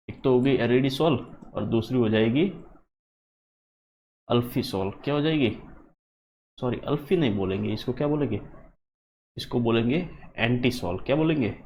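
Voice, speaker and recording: A man's voice: mid-range voice, a little mellow. A man teaching who quizzes his class. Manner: repeats points as questions to the class. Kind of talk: exam-prep geography lesson. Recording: dull lo-fi sound, faint hum.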